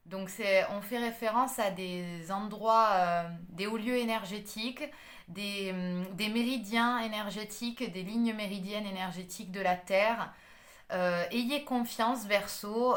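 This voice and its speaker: Woman, casual tarot reader, halting delivery full of fillers, mid-pitched, echoey room. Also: fairly bright tone. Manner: hesitant, many fillers and restarts. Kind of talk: casual astrology card reading.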